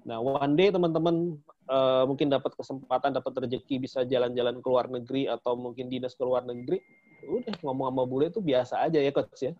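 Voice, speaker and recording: A man's voice: mid-range voice, steady tone, brisk. A man co-hosting a casual promotional chat about a training, chatty and laughing often. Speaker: co-host of a training talk. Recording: dull lo-fi sound.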